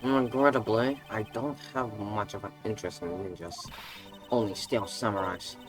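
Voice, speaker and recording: A woman voicing a formal, weary adult male prosecutor in a video game, speaking in a dry, measured way. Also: a bass voice, steady tone, music in the background.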